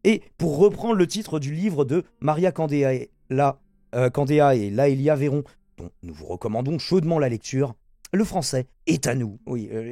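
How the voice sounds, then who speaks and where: A man with a fairly high voice, delivering sarcastic press-review commentary with lively asides. His voice is recorded close and dry, with no room sound. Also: dry recording. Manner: sarcastic, animated, jumps from reading to asides. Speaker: political commentary host.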